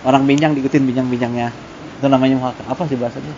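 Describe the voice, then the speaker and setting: Male religious teacher, relaxed conversational lesson with Arabic recitation; muffled lo-fi recording. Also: medium pitch, rapid-fire. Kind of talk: casual religious study lesson. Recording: dull lo-fi with faint noise.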